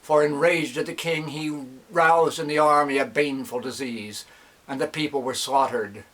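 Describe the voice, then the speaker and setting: A man narrating epic poetry in dactylic verse, with a measured, declamatory delivery that follows the metre. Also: fairly high pitch, steady tone, a bit bright. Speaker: reciter, narrator.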